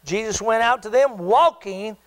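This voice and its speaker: An older man preaching from the pulpit, his voice sitting unusually high for a man. He works the congregation with questions and calls for answers. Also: moderate pace, rough recording. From South Carolina. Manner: call-and-response preaching, asks the congregation questions. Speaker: pastor. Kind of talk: sermon.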